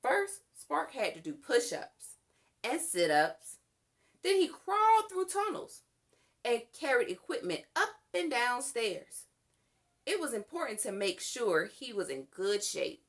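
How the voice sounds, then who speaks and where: Reading a story for children, this woman uses a slightly high voice and an expressive, measured manner suited to storytime.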